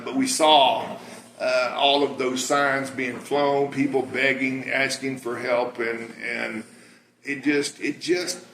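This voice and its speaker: This man of about sixty, from the US, has a preacher's big voice that sounds medium-pitched and fairly bright. He's telling anecdotes in a relaxed public talk and interview at an indoor cafe. Echo and clear background noise fill the recording.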